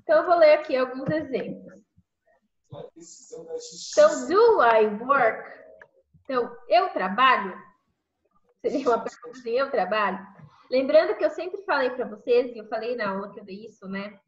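A woman's voice: high-pitched, animated, a little fast. A woman with a Brazilian Portuguese accent teaching an online English class, explaining patiently step by step and checking in with tag questions over a video call. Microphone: computer microphone on a video call. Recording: echoey, muffled video call audio.

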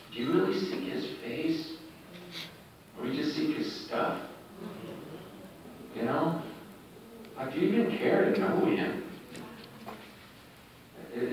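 A man's voice: on the high side, slight background noise. Echoey preacher man, heard from afar. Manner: swings between loud urgent emphasis and hushed intimate tones; conversational, with fillers like "you know" and "man". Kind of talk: sermon at a prayer breakfast. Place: large event hall. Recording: echoey, distant, dull hall sound.

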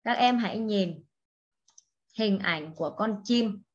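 A woman teaching an English lesson to young children, speaking slowly and patiently and repeating each word for the class to echo. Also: medium pitch, husky, muffled recording. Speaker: primary school English teacher.

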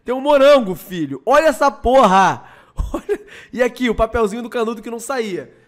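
A young man, a host telling a story in excited, slangy, swearing bursts that repeat themselves. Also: very high voice, fairly quick. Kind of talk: casual storytelling.

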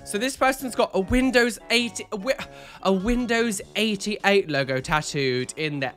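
Congested and nasal with a cold, a man in his thirties gives sassy, camp reaction commentary on photos as a YouTuber, full of dramatic exclamations and animated chatter. His voice sits high at normal speed, picked up close on a boom-arm studio mic in a home studio with neon lights, with faint music behind.

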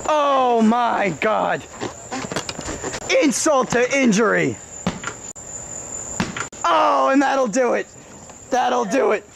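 A male wrestling commentator calls the action in a very high, creaky voice. He is dramatic and repeats his exclamations for emphasis. The sound is a noisy outdoor backyard recording with a hiss of insects. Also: expressive, extremely slow, pauses often. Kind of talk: excited play-by-play wrestling commentary for a backyard match.

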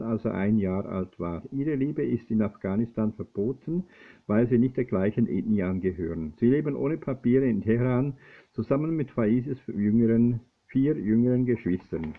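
A man reading a news feature aloud, steady but with frequent slips and restarts. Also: mid-range voice. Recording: tinny phone-like lo-fi recording.

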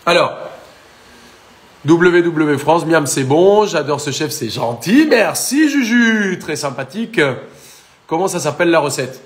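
Young Colombian-accented male chef, bit high-pitched, jokes with viewers live from a roomy kitchen. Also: unhurried, pauses often. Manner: chatty and joking, talks to viewers. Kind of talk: live cooking demonstration.

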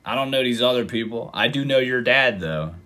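A man hosting a reaction video, casually commenting and getting excited, sometimes exclaiming loudly. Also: medium pitch, brisk. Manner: excitable, exclaims and breaks into mock voices.

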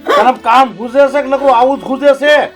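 A man plays a strict village father who barks short, scolding orders. His voice sits very high for a man. Faint music runs under it. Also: moderate pace, a bit bright. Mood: stern. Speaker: father in a family drama. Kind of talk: village family drama acting.

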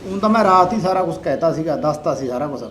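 A young man with a high voice talks quickly and briskly, sorting out plans. Faint ambient noise runs behind him. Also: lively intonation, fairly bright tone. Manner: brisk, practical. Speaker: son in a family skit.

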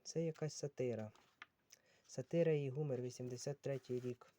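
Mellow unhurried man musing to camera. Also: medium pitch, steady tone. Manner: unhurried, musing, reads titles aloud. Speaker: book collector vlogger. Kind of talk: casual talk while sorting books.

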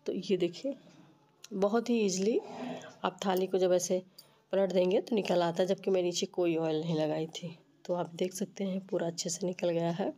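Female cooking host, lowish pitch, congested and slightly rough from a cold, instructing informally. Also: steady tone, moderate pace, warm tone. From Uttar Pradesh, India. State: stuffy nose and rough voice from a cold. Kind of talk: recipe tutorial narration.

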